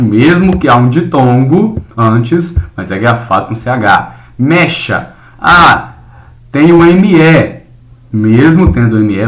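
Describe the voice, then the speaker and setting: A man teaching a recorded spelling lesson, explaining casually and often checking in with short tag questions. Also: mid-range voice. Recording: echoey room.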